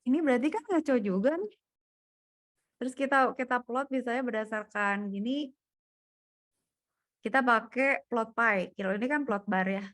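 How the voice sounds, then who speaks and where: A woman's voice: fairly high pitch, normal speed, long pauses, a bit bright. Casual woman tutoring data science. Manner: casual, thinking aloud while walking through code. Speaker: coding tutor. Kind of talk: private coding lesson over screen share.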